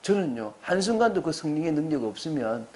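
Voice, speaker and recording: A man's voice: fairly high pitch, very animated, brisk, a little mellow. A man preaching a Sunday sermon as pastor. He stresses his points hard and keeps putting questions to the congregation.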